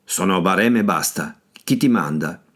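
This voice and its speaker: A surly old man growls his blunt words, read by a man in a deep, low voice. He sounds suspicious and short-tempered throughout. It is an audiobook reading. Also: animated, measured pace, fairly bright tone, full character voice. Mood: gruff.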